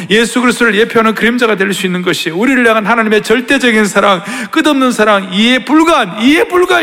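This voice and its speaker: A man preaching a sermon with a high, gravelly voice, caught by the long reverb of a large church sanctuary. He tells the story dramatically, dropping to hushed tones and rising to shouts. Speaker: pastor.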